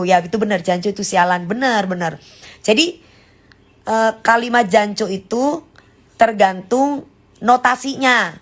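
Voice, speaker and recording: Chatty woman on a phone live stream. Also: medium pitch. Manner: chatty, explains slang with acted examples. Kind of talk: casual live-stream chat.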